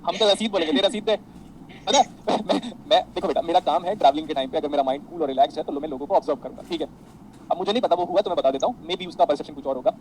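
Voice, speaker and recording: Fast-talking man teaching a class. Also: fairly high pitch, slight background noise, poor audio. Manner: animated, addresses students as beta, tells anecdotes. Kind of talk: classroom lecture.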